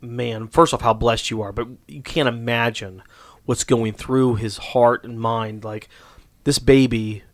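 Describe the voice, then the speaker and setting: A man in casual church conversation, speaking in a halting, heartfelt way with many restarts, at a studio mic. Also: mid-range voice, fairly even intonation. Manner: jokey, then emotional and halting. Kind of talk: casual church podcast chat.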